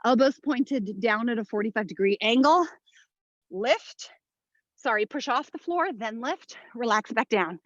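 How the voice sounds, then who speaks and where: Woman fitness instructor, higher voice, motivational short cues and counts, exerting as she talks, dry slightly dull recording. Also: lively intonation, unhurried, a bit bright, no echo. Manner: exerting while talking, audible breaths and sighs. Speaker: fitness instructor, workout host. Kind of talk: instructing a follow-along home workout.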